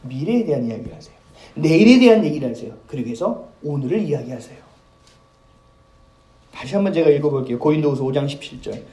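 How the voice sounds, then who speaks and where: A man preaching a sermon as pastor, talking in a lively, conversational way and asking the congregation questions. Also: fairly high pitch, fast talker, long pauses, reverberant. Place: church sanctuary.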